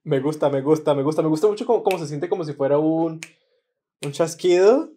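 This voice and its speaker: A man's voice: on the high side, brisk, dark tone. A man hosting a casual reaction video, enthusiastic and often repeating words as he searches for them.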